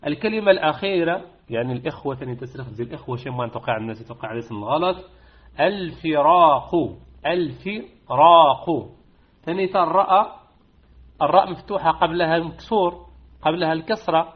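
A man's voice: fairly high pitch, very fast, husky. A middle-aged man, teaching a Quran recitation class, patiently repeating and drawing out example words for his students. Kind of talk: classroom lesson with dictation. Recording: dull lo-fi recording.

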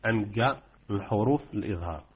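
A man's voice: fairly low pitch, lively intonation, quick pace, slightly rough, dull audio. A man with a Moroccan accent teaching Quran recitation rules to students, hesitant with many fillers and repetitions. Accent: Moroccan Arabic. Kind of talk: informal rules lesson with students.

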